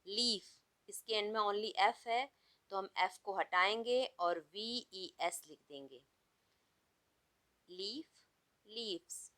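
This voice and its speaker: A woman teaches a children's English class in a bright, clear voice. She talks very slowly and spells each word out letter by letter, switching between Hindi and English. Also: mid-range voice. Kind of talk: slow explanatory class lesson.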